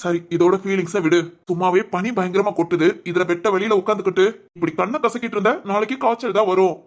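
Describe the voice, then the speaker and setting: Woman doing a kind young cop, soothing, mid-pitched, for an audio drama. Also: fairly even intonation, fast, close to an everyday voice. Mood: comforting. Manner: gentle and reassuring. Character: caring young policeman, gentle and teasing.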